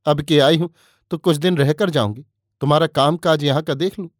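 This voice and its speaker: A man reading aloud, voicing an elderly village woman who is motherly and plaintive, in a softly raised voice. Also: a little high, fairly even intonation, fairly quick, no room sound, studio quality, lightly acted. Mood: coaxing.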